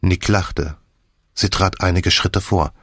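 A man narrating a crime novel in the first person with measured, even storytelling. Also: low-pitched, no echo, studio quality. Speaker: audiobook narrator.

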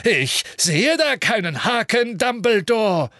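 A man's voice: sits high, sing-song, slow pace, bright, forceful tone, dry recording, clean studio sound, pitched above the performer's own voice, heavily acted. A man playing Fudge, a barking gloating minister. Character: blustering gloating middle-aged male minister.

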